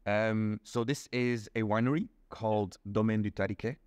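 Young Belgian man, guest; lowish voice, dry close sound, patient and methodical, filler-heavy explanations. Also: steady tone, moderate pace, darkish tone, clear, resonant tone, no echo. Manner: patient, explains step by step with many ums. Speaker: interview guest. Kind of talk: casual explanatory chat. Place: small indoor room.

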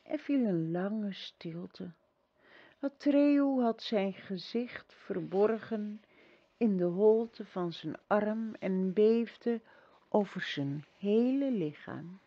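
A woman reading a storybook aloud in a slow, expressive narration. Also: mid-range voice, dry recording, lo-fi sound. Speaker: audiobook reader.

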